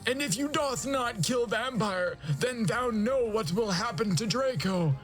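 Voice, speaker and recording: A woman voicing a cruel male dark wizard villain who commands in archaic, theatrical speech. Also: a little high, expressive, soft background music, pitched above the performer's own voice. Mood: menacing. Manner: slow, theatrical, imperious.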